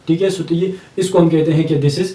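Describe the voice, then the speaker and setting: A male English teacher with a Pakistani accent giving a recorded lecture, explaining step by step and repeating example words slowly. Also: fairly high pitch, steady tone, warm tone. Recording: echoey room, mic at a distance.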